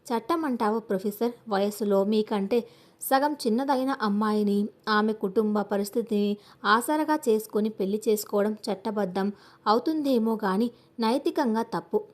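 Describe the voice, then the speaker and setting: A woman narrator, speaking at medium pitch and normal speed with light acting, voices an arrogant, wealthy, scheming middle-aged aunt. The character talks down to others and threatens them in a haughty, menacing way.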